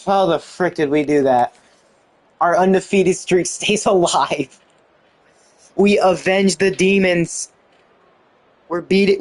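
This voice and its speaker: A young man giving excited commentary on a football video game he is playing, exclaiming and mildly swearing. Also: high-pitched. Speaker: gaming YouTuber.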